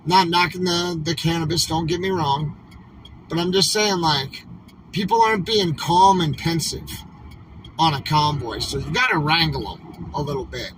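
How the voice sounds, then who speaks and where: A man with a fairly high voice livestreams at normal speed from a moving vehicle in a convoy. His casual talk rambles and turns emphatic, packed with "like" fillers, and the distant mic picks up clear road noise.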